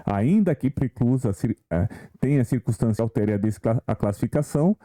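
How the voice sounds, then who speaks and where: Very dark-voiced man teaching a lesson. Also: mid-range voice, lively intonation, fairly quick. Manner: talks to viewers with many rhetorical questions. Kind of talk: online exam-prep lesson.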